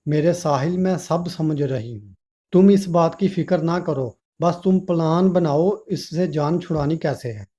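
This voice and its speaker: A man's voice: fairly high pitch, measured pace, dark tone, natural voice. A man voicing a cold, scheming young wife who sounds offhand and dismissive, in a dull lo-fi recording.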